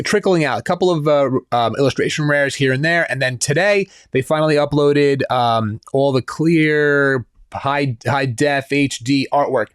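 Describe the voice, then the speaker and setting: A man's voice: a little high, dry recording, studio quality. Rambling male podcast co-host. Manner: loose, rambling, many fillers and restarts. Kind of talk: casual podcast chat.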